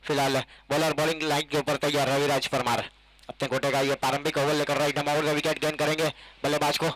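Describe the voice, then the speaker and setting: A man with an Indian accent giving excited live ball-by-ball cricket commentary as the match announcer. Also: a little high, quick pace, no echo, low-quality recording.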